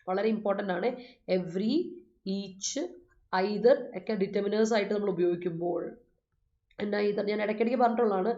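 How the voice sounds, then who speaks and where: A woman's voice: medium pitch, a little mellow. Woman English teacher, patient and explanatory, reads and corrects learners' sentences; roomy, slightly muffled recording. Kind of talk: online vocabulary lesson. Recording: roomy, slightly dull audio.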